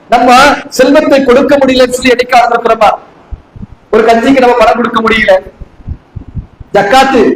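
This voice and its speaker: Man preaching, very high voice, echoey hall, faint noise, rhetorical questions. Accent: Tamil Nadu. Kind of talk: sermon.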